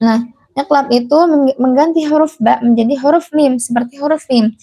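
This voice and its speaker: A woman teaching Quran recitation in a live class, chanting verses slowly and then explaining patiently, repeating the mistakes to avoid. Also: sits high, warm tone.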